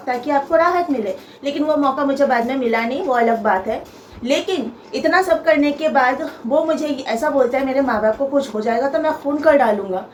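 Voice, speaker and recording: A young woman telling a personal story on her vlog, aggrieved and emphatic, repeating herself and pausing often to restart. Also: high voice. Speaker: vlogger. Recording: echoey room with faint ambient noise.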